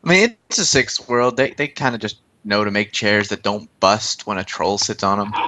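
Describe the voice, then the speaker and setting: A man narrating as game master of a tabletop role-play stream, relaxed and loose, with plenty of fillers. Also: on the low side, moderate pace.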